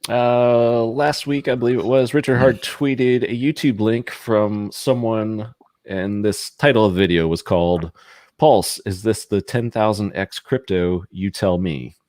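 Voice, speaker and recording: Upbeat male host, low voice, dry close sound. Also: a little slow, a little mellow, dry recording. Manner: upbeat quiz-master, laughs often. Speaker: host running trivia. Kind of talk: casual live-stream chat.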